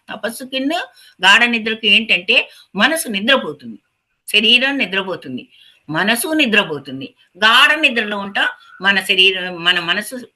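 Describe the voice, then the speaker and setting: A woman's voice: mid-range voice, pushed and bright. A woman giving a spiritual talk as a meditation teacher, who asks her listeners rhetorical questions and repeats phrases for emphasis. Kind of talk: spiritual discourse.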